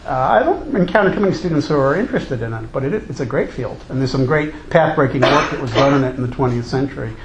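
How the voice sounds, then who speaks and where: A man's voice: mid-range voice, lively intonation, quick pace, hardly any pauses. A male college teacher talking informally and teasing his class with jokes. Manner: jokey, teasing. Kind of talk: informal lecture and class banter. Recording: echoey room with background noise.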